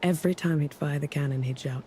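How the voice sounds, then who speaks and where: A woman's voice: low-pitched, quick pace, warm tone, slight background noise. A woman voicing a tough young woman soldier who talks in a blunt, plain-spoken and wry way. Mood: somber.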